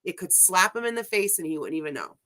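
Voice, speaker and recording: A woman in her forties, a ghost hunter guest, telling lively stories in casual chat, laughing often and saying "like" a lot. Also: lowish voice, fast talker. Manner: animated storyteller, laughs often, says like a lot.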